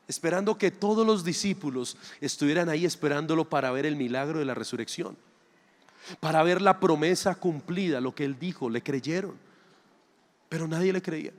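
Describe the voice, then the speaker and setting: A man's voice: on the high side, moderate pace, fairly bright tone. A man preaching a sermon, acting out little dialogues and firing rhetorical questions. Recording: long hall reverb.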